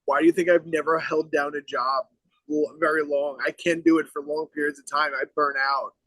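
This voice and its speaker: Brash high-voiced man swearing freely. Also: little pitch movement, fairly quick, pushed and bright, no echo, poor audio. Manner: brash, rambling, swears constantly. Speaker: podcast co-host. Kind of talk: casual profane chat. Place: outdoors.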